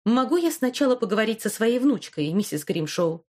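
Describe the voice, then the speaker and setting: A firm, loving old grandmother, stern when she scolds and gentle when she reassures, as a woman voices her in an audiobook. Her steady voice dips a little lower and softer in the tender moments. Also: fairly quick. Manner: warm but stern, reassuring. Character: caring, firm elderly grandmother. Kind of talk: audiobook character voice.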